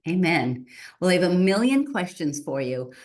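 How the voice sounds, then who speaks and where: A middle-aged woman hosts a conversation, her voice sitting low in her range. She praises her guest warmly and asks long, winding questions with the odd "uh". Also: big pitch swings, moderate pace. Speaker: host, state senator. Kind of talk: interview.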